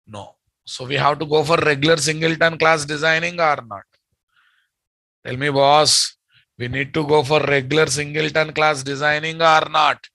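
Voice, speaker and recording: An Indian man with a Telugu accent lectures students on programming. His voice is bright, hard-edged and a little high, captured close and dry. He drives points home by repeating them and firing questions at his listeners. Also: little pitch movement, normal speed, vocal fry, no echo. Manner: emphatic, repeats statements and quizzes listeners. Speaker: programming teacher.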